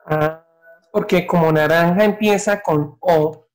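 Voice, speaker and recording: A woman's voice: fairly low pitch, slow, darkish tone, faint music behind. A woman acting as learner in a beginner English lesson, asking clarifying questions and checking her understanding aloud. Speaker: co-teacher playing the learner.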